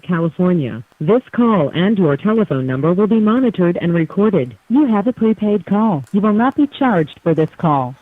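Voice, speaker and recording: An automated voice reading a formal, even recorded message on a prison phone line. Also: medium pitch, no echo. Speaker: automated call announcement. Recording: tinny dry phone line.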